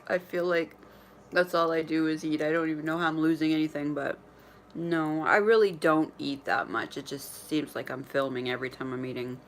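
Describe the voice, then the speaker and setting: A woman's voice: low voice, slight background noise. A woman in her forties chatting candidly on a livestream from her mother's apartment, often laughing and sometimes talking while eating. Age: 40s. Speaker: vlogger livestreaming to followers. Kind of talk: casual livestream chat.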